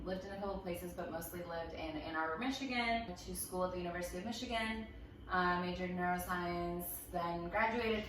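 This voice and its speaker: A woman in her twenties from Peru chats casually as a guest. She speaks in a lowish voice, thoughtful and halting, with frequent fillers. The sound is distant and very echoey. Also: noisy background. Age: 20s. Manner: reflective, halting, many fillers. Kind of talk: casual chat. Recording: echoey room, mic far off.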